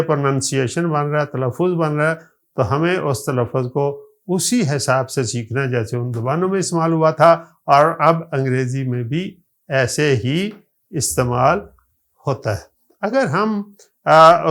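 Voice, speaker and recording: A man giving a recorded lecture on English spelling, slowly listing example words one by one and explaining each rule. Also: medium pitch. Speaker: English teacher.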